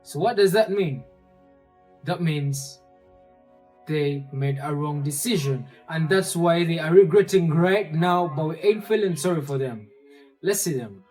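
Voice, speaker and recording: Guy host talking straight to viewers, emphatic, slightly high voice. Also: unhurried, darkish tone, soft background music. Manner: emphatic, repetitive, direct to viewers. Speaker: commentary host. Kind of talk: casual political commentary.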